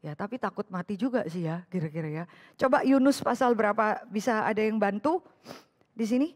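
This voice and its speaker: A woman's voice: medium pitch, brisk. A woman preaching an interactive sermon to a women's fellowship. She asks the listeners questions and acts out quoted speech.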